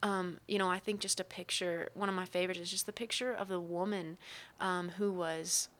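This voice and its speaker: A woman's voice: lowish voice, fairly even intonation, normal speed, fairly bright tone. A young woman, a guest on a faith interview, telling her story earnestly and candidly, with frequent restarts. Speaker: guest, worship coordinator. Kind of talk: conversational testimony interview.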